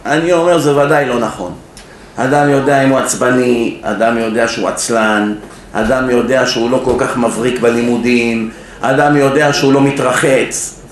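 A man's voice: medium pitch, steady tone. Rabbi guy preaching at a yeshiva, acts out his stories, keeps asking the crowd questions, roomy sound. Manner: storytelling with acted-out quotes, asks the audience questions. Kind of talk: sermon. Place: yeshiva hall. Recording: echoey room with faint noise.

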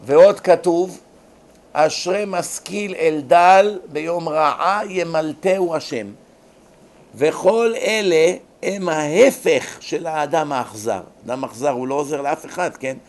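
A man delivering a fervent sermon in a fairly high voice. He scolds, asks the audience questions, and acts out sinners begging for mercy. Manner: preachy, dramatic, acts out pleading voices. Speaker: rabbi lecturer.

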